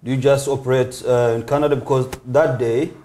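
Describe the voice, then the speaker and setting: A man from eastern Congo hosts a casual interview and asks loosely phrased questions in a warm, mellow voice. His pitch sits in the middle range for a man. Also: fairly even intonation, brisk. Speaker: interview host.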